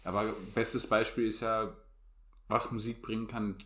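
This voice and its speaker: A young man co-hosting a casual podcast chat, relaxed with dry humor. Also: on the low side, normal speed. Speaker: podcast co-host. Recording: echoey room.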